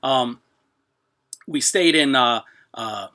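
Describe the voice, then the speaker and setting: A middle-aged man with a mid-range voice and sharp tone hosts a live stream, rambling casually to his viewers. His speech is halting, and he frequently clears his throat.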